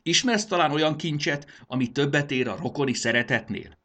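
Gentle earnest rebel chief, raised pleading voice, read by a male narrator. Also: on the high side, voice pushed up. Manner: pleading, appealing to family ties. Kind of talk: storybook reading.

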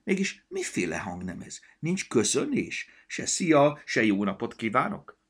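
A man's voice: medium pitch, huge pitch swings, husky, voice pushed up. A man voicing a fussy, busy little male elf who chatters and grumbles to himself. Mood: lively.

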